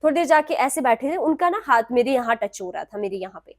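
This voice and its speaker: A woman's voice: high-pitched, quick pace. Young woman from Himachal telling a story. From Himachal Pradesh, India. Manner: animated storytelling, acting out what people said. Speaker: actress, talk show guest. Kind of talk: recounting a personal story in an interview.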